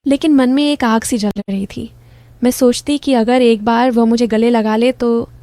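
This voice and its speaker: A woman narrating an emotional first-person story, soft and confessional. Her voice is somewhat high yet mellow and warm. The recording is close and dry. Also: fairly even intonation, normal speed, dry recording.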